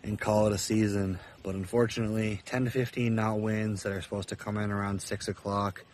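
A man's voice: on the low side, level tone, a little fast, a little hiss or hum. A man in his thirties giving a matter-of-fact selfie vlog update outdoors on a phone held at arm's length. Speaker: fishing channel host. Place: outdoors by a house.

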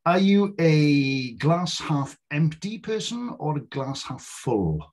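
A man's voice: fairly high pitch, big pitch swings, takes it slowly, darkish tone. A man with a West Welsh accent hosting a podcast interview, chatty and full of stumbling restarts. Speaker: podcast host. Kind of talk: casual interview chat.

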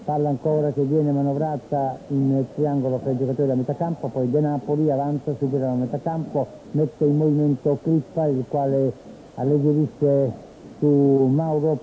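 A man from Italy giving live football play-by-play commentary on television, in a measured, descriptive way with pauses. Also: medium pitch. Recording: tinny phone-like old TV broadcast, noisy stadium. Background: stadium ambience.

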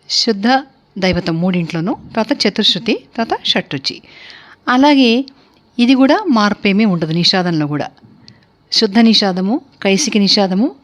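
A woman from India giving a spoken music theory lecture, explaining steadily and listing terms one by one. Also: mid-range voice.

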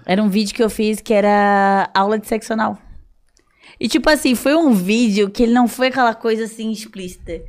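A woman's voice: medium pitch, fairly quick. A young woman chatting frankly and rambling on a podcast, with lots of fillers. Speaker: guest. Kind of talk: casual podcast chat.

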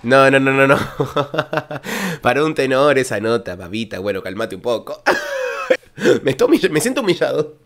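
A man with an Argentine accent, a baritone vocal coach, chatting excitedly to viewers as he reacts to and analyzes a singing performance. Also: normal speed. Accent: Argentine Spanish.

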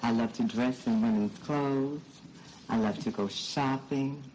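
A woman's voice: extremely low pitch, unhurried, dark tone, rough recording. An actress playing a sassy, flirtatious transgender woman on the witness stand in a film, coy and playfully catty. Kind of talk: courtroom scene in a film. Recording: faint noise and room ambience.

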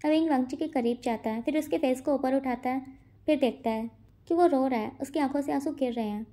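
Woman narrator, high and mellow, steady fanfic retelling. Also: fairly quick. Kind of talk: story narration.

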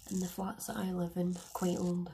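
Soft whispering young woman, low-key ASMR. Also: completely flat delivery, a little fast. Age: young adult. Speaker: ASMR video creator. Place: dim room in a flat. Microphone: close binaural microphones. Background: faint room ambience, wind.

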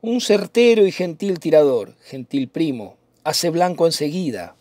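A man's voice: fairly high pitch, animated, measured pace, darkish tone, no echo. A man reading as Benvolio, earnest young cousin. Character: young male cousin, calm and concerned. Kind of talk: dramatic reading of a play.

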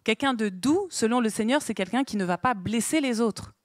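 A woman's voice: fairly high pitch, animated, moderate pace, no room sound, studio quality. A woman giving an interactive Bible lesson to a small group, asking them questions and writing on a board as she goes. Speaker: Bible teacher. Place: meeting room with a small group.

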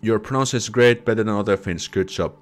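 This young Finnish man's voice is on the low side and fast, with faint music in the background. He speaks with a Finnish accent while hosting a casual live stream from a small room at home, reading viewer comments, chatting, often restarting his words, and switching into Swedish phrases. He wears a headset and has a desk mic in front of him.

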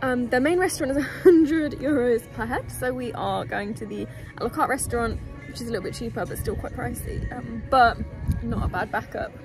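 This young woman vlogs her travels in a town and up on a rooftop terrace, chatting cheerfully into a handheld camera at arm's length. She talks briskly with few pauses in a fairly high voice, over background music.

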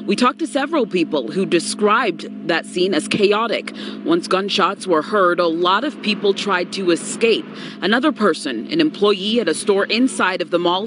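A woman field reporter giving a steady, scripted news report outdoors at night. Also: medium pitch, noisy background.

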